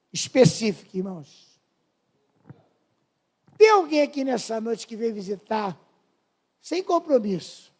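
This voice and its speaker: A man's voice: very high voice, darkish tone. A man in his fifties with a Brazilian Portuguese accent, preaching a fervent testimony to a congregation. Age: 50s. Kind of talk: sermon testimony.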